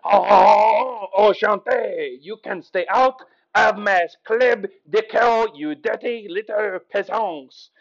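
A man's voice: high-pitched, slow, gravelly, hardly any pauses, highs cut off, exaggerated voice. A man putting on an as a snobbish, scornful club owner. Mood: sneering.

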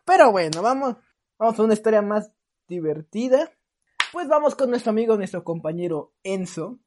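A young man with a Mexican accent telling stories on a podcast, animated and swearing, teasing his friends. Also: high-pitched, moderate pace, slight background noise. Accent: Mexican Spanish. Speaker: podcast co-host. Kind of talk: casual storytelling chat.

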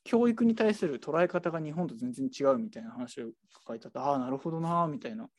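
Showing the shelves, someone on the bookshop staff chats briskly in a medium-pitched voice. The casual conversation is animated and meandering, full of fillers.

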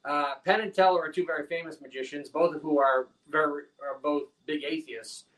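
A man speaking a touch higher than most men, heard from a little way off the microphone. He tells stories with earnest energy, talking about faith and his craft in a relaxed conversation. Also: fairly quick, far from the mic, low-quality recording. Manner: animated storytelling, earnest.

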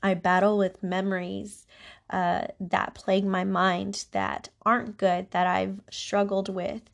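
A woman's voice: mid-range voice, little pitch movement, slow pace, vocal fry. A woman hosting a podcast with a congested voice, giving a personal, reflective talk about faith in a confiding manner. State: congested from allergies, voice not its normal sound. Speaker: podcast host.

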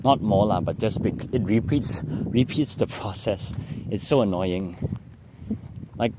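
A man's voice: fairly low pitch, unhurried. A young man with a Singlish accent rambling casually in a diary style, meandering and ending phrases with lah. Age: young adult. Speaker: daily vlogger. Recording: loud traffic and vehicle noise.

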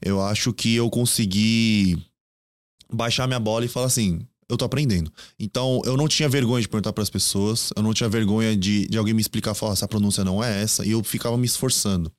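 A man's voice: fairly low pitch, steady tone, quick pace, no room sound, clean studio sound. A man of about thirty with a Brazilian Portuguese accent, a guest chatting on a podcast and telling his stories with quoted asides. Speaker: guest, Korean teacher. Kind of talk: casual podcast interview. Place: podcast studio.

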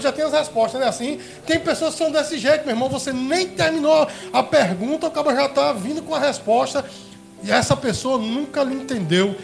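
High-voiced preacher with a gravelly edge. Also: male voice. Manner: addresses listeners as brothers and beloved, asks them questions. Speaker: pastor. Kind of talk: sermon.

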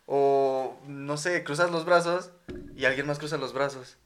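A young man with a Mexican accent, co-hosting a casual podcast chat, telling stories in an animated, slangy way and laughing easily. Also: medium pitch, unhurried. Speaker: podcast co-host.

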